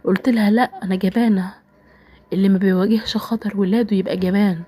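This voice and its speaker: A woman with an Egyptian Arabic accent telling a first-person dramatic story in a soft, sorrowful, often half-whispered way. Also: medium pitch, steady tone, fast.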